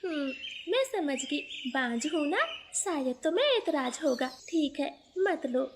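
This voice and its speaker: A woman voicing a gentle, patient young wife bird in a cartoon, speaking softly and meekly. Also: high-pitched, big pitch swings, measured pace, a little hiss or hum, heavily acted. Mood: hurt. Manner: soft, patient, meek.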